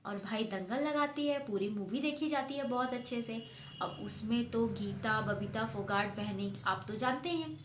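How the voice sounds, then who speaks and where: A woman's voice: a little high, normal speed. A woman telling a family story in a homely, conversational way. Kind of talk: oral storytelling. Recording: echoey room, faint noise.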